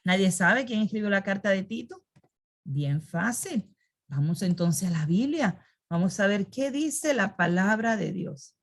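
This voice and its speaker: A woman's voice: mid-range voice, expressive, measured pace. A woman teaching a Sunday school Bible lesson. She quizzes her class, repeats key words and keeps checking that they follow along.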